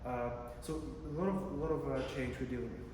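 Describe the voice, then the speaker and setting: In a mid-range voice and at a fairly quick pace, a Czech man presents at an academic conference as a PhD researcher. He talks conversationally, stumbling into fillers and restarts often. The recording, made from far off in a big hall, is echoey with room noise.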